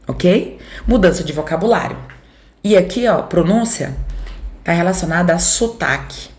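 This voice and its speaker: A woman's voice: lowish voice, animated, normal speed, a little mellow. A Brazilian woman teacher with a Center-West accent gives a recorded grammar lesson, explaining step by step, checking in with her students and voicing their imagined questions. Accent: Brazilian Portuguese, Center-West. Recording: echoey room.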